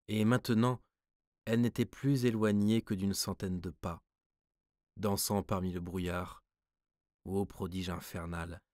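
Low-voiced male audiobook narrator. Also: no room sound, clean studio sound. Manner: measured, expressive reading. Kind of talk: scripted literary narration.

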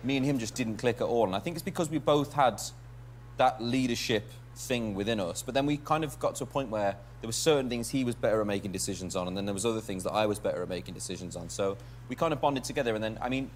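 A man's voice: mid-range voice, a little hiss or hum. A man telling stories candidly in an interview. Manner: candid, quick storytelling. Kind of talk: casual interview talk.

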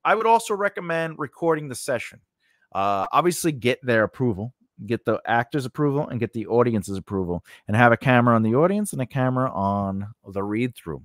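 This scriptwriting lesson host, a man in his forties, talks to camera with a mid-pitched voice and lively intonation. A close studio mic on a stand in a small indoor room captures him with no room sound, as he explains things informally and haltingly, often rephrasing.

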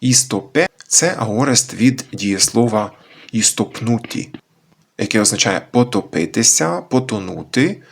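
A man hosting an educational channel, methodically explaining old words one by one in a calm lesson. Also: on the low side, unhurried, gravelly. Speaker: channel host explaining chronicle language.

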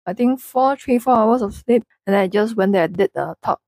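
A woman's voice: medium pitch, moderate pace, a little mellow, no room sound, low-quality recording. A woman in her thirties with a Singaporean English accent, chatting casually on her vlog on a lapel mic in an office. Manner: chatty, self-mocking, speeds up in bursts. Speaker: trading educator. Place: office with bookshelves, indoors.

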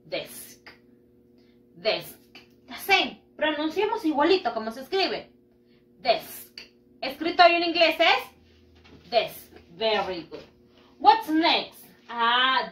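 A woman teaching English to schoolchildren, going slowly through repeat-after-me drills and mixing English and Spanish with frequent praise. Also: high voice, a bit bright. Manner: slow, drawn-out drilling with repeat-after-me prompts; switches between English and Spanish, praising often. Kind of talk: bilingual classroom teaching video. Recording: echoey room, mic at a distance.

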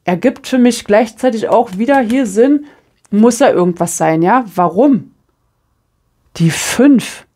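German woman, middle-aged, tarot reader: casual, self-deprecating, animated chat. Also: a little high, slow pace.

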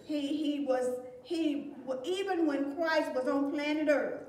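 An older woman teaches a Sunday school lesson, reading scripture and explaining it earnestly and emphatically in a high, darkish voice, taking it slowly. A fixed camera at a distance captures her in a plain, echoey room against a beige wall, so she sounds far off, with a little hiss or hum.

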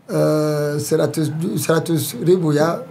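Cameroon-born former footballer, raspy fry, warm storyteller who acts out bits. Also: male voice, on the high side, fairly even intonation, a little hiss or hum. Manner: unhurried storyteller, acts out voices in his tales. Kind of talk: casual storytelling interview.

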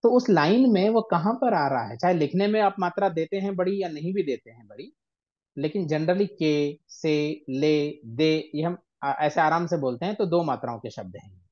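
A man's voice: fairly high pitch, moderate pace, darkish tone. Male poetry teacher, patient, counts syllables aloud, dull lo-fi call audio. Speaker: ghazal teacher. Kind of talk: online workshop lesson.

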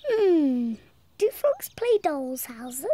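A woman's voice: high voice, sing-song, extremely slow, dark tone, no room sound, exaggerated voice. A woman voicing a cheerful little girl piglet in a cartoon, bubbly and giggly, a little bossy. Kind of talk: cartoon voice acting.

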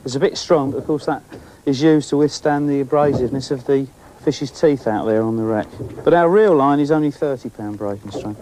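This middle-aged man talks fairly fast in a mid-range voice, with barely any pauses and a touch of hiss or hum in the recording. Fishing from a boat at sea for his angling show, he chats on and gets excited commenting on the catch. It's loose, casual commentary captured on location.

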